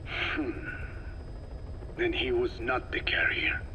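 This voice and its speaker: In dramatic video game voice acting, a man plays a frail, elderly scientist who is grave and measured. His medium-pitched voice is breathy and whispery as he gives slow, deliberate, formal explanations in a probing, sober mood. The audio is noisy field tape with a steady hum.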